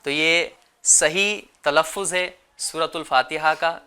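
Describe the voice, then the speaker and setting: Man, recitation teacher, bright tone, crisp clear voice, slow drawn-out chanting, patient call-and-repeat. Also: on the high side. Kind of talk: children's recitation lesson.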